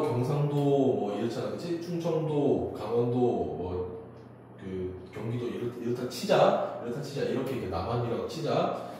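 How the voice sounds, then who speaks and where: A man teaching a class, lively and talkative, asking questions and then answering them himself. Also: mid-range voice, slight background noise. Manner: animated, asks and answers his own questions. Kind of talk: classroom lecture. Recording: distant echoey classroom recording.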